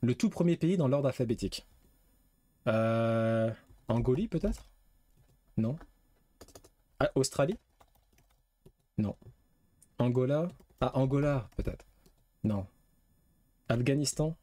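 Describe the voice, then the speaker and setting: Dry-voiced streamer guessing quiz answers. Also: male voice, mid-range voice, animated, slow pace, long pauses, mellow, no room sound. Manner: reads questions aloud, guesses, swears casually. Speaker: gaming streamer. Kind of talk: casual live quiz game commentary.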